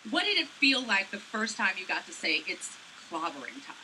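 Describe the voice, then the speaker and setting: A woman interviewing cast members at a live event for a morning show, peppy and energetic. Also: medium pitch, a little fast, a little hiss or hum, low-quality recording. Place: large event hall with a rocket on display.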